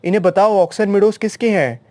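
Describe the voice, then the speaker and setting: A man voicing a quick-tempered young woman who argues and interrupts. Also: high voice, a little mellow, no room sound, pitched above the performer's own voice, close to an everyday voice. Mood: indignant. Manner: indignant, interrupting, argumentative.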